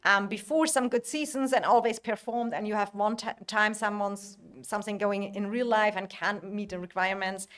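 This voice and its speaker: A woman's voice: medium pitch, steady tone, moderate pace, few pauses, fairly bright tone. A woman who is not a native English speaker, chatting casually as a livestream host, searching for words as if translating in her head. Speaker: livestream host and alliance member. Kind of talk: casual livestream chat about a strategy game.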